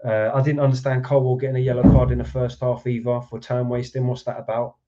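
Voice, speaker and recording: A man's voice: mid-range voice, little pitch movement, fast talker, warm tone. A man hosting a football reaction stream from home, ranting and swearing in frustration. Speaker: football channel host. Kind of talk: angry match reaction. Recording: dull lo-fi sound.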